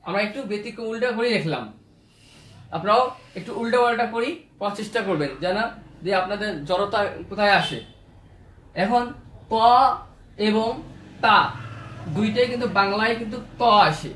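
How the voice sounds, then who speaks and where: A man teaching how to pronounce Arabic letters, slowly repeating each sound and vowel mark. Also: high voice, a bit bright, a little hiss or hum. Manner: slow, repetitive drilling of letters and vowel marks. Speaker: Quran reading teacher. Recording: echoey room.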